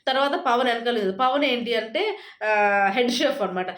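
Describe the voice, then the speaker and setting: Fast-talking woman in a roomy echo. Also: on the high side, a bit bright. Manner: chatty, rapid retelling with many fillers. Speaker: reality show recap vlogger. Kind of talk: casual spoken recap.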